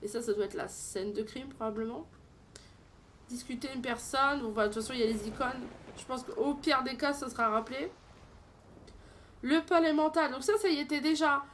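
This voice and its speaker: A high-voiced woman streamer chats playfully through a game session, filling pauses with hesitations as she goes. Her voice sits bright and high, with a faint hum of background noise. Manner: chatty, many fillers, playful. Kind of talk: casual gameplay commentary.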